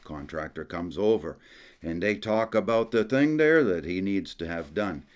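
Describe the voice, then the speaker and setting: Brief: man putting on an Acadian French storyteller, deep-voiced, folksy and rambling. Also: animated, normal speed, dull audio. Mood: folksy storytelling. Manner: folksy, rambling, tacks "there" onto phrases.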